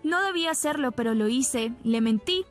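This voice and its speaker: A woman's voice: sits high, lively intonation, moderate pace, faint music behind. Guilt-ridden middle-aged father, remorseful, read by a woman narrator. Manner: remorseful, heavy.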